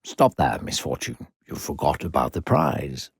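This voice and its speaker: A man playing an unseen, sinister narrator spirit in a video game, guiding a child with coaxing, falsely polite condescension in a gravelly, husky voice. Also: extremely low pitch, a little slow, no room sound, clean studio sound, heavily acted. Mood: urgent, scheming. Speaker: game narrator and guide character. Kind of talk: theatrical video game character acting.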